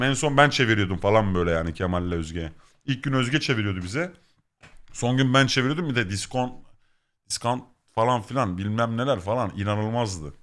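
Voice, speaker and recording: A young man casually telling funny stories to his viewers, swearing and acting out the dialogue. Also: mid-range voice. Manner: animated, swearing, acts out quoted exchanges. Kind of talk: casual storytelling to chat.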